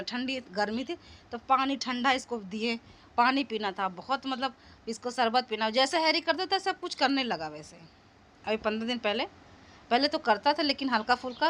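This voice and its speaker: A middle-aged woman talking casually at home in a vlog about her pet dog, calling to him now and then in a high coaxing voice. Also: a bit bright. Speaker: vlogger.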